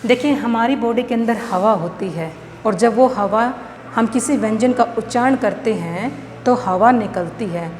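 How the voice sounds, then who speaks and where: A woman with a Haryanvi accent teaching a grammar lesson, explaining step by step and often checking whether it is clear. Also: a little high, a little slow, a little mellow. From India. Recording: echoey room with long reverb, faint noise.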